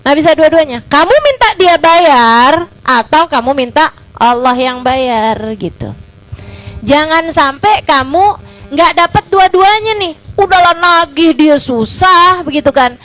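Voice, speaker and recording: A woman religious teacher giving a casual religious lecture, chatty and lively, with colloquial fillers and rhetorical questions. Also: high-pitched, measured pace, faint music behind, rough recording. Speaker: Islamic religious teacher (ustazah).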